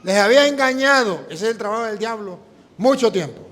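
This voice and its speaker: High male priest, lively storytelling sermon with voiced dialogue, reverberant hall. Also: a little fast.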